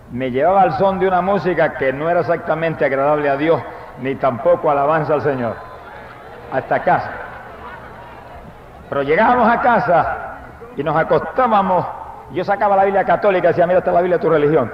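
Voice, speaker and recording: An older man with a Puerto Rican accent preaching a fervent testimony sermon, breaking into shouted praise. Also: a little high, slight background noise. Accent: Puerto Rican Spanish. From Puerto Rico. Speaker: evangelist preacher. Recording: echoey hall, dull lo-fi recording.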